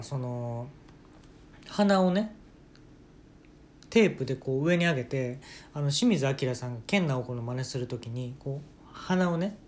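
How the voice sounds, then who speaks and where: A man hosting a casual solo podcast, telling a family story with playful jokes and quick self-corrections. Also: medium pitch, darkish tone, a little hiss or hum. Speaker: podcast host.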